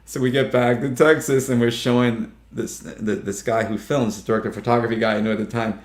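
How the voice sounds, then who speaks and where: Animated storytelling man in a roomy space. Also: mid-range voice, quick pace. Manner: animated, acts out quoted voices, laughs often. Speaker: actor guest. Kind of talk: casual storytelling chat.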